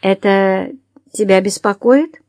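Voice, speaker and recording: Restrained blind man, read by a woman, measured quiet delivery, mid pitch. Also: no room sound, clean studio sound. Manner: measured, quiet, tightly controlled.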